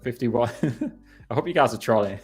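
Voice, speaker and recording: Animated yet unhurried, this thirty-something northeast English man has a gravelly, darkish, slightly rough mid-range voice. Wearing headphones, he hosts a casual live question-and-answer stream, rambling with plenty of laughs and self-corrections while faint music plays behind.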